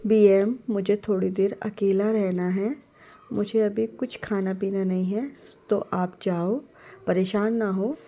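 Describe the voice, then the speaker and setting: A woman's voice: medium pitch, takes it slowly, vocal fry, dark tone, dull audio. A woman voicing a moody, irritable young woman student in a spoken story, with a pleading, impatient manner. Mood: irritated.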